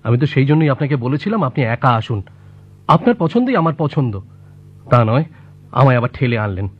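A man's voice: mid-range voice, sing-song, fairly quick, husky. An actor playing a deferential, slightly flustered young man in a comic audio drama. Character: hesitant, dutiful young nephew-like male companion. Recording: dull lo-fi recording.

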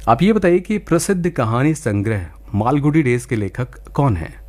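A man's voice: mid-range voice, expressive, moderate pace, a little mellow. A man hosting a live radio phone-in quiz, politely encouraging and wordy, slipping some English into his talk.

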